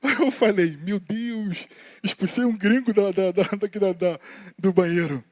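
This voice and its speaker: High-voiced Brazilian preacher telling stories. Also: male voice, measured pace, a little mellow, no echo, studio quality. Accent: Brazilian Portuguese. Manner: colloquial, storytelling, addresses listeners as brothers. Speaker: evangelist preaching. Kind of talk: informal sermon with personal stories. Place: church sanctuary.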